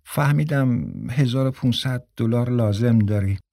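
A man voicing a calm, generous male friend with an unhurried manner. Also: medium pitch, creaky, no echo, studio quality, lightly acted.

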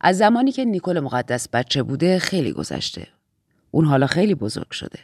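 Woman reader doing a commanding older matron, deep and grave, clipped and measured, dry close sound. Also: very animated, darkish tone, slightly rough, no room sound, full character voice. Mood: stern. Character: stern, controlled older woman in authority. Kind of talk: audiobook character voice.

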